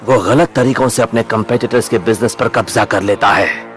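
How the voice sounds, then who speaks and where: An actor dubbing a grave, worried old bridge builder in an anime, explaining at length. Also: male voice, lowish voice, a little fast, fairly bright tone, faint music behind, lightly acted. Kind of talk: anime dub acting.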